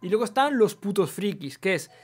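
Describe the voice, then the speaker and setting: A man's voice: high-pitched, big pitch swings, a little fast, breathy edge. Chatty streamer man. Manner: chatty, swears casually, reads chat aloud. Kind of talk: casual live gameplay chat.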